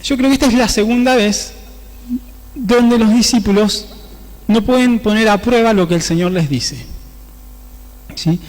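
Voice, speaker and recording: High-voiced preacher in a reverberant church. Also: male voice, measured pace, long pauses, a little mellow. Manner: conversational preaching, often tagging phrases with a questioning "¿sí?". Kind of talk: sermon.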